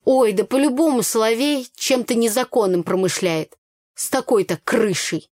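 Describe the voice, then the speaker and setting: Brash slangy village gal, loud and gossipy, raised pitch, a woman putting her on, audiobook. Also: normal speed, no room sound, clean studio sound, lightly acted. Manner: blunt, slangy, grumbling.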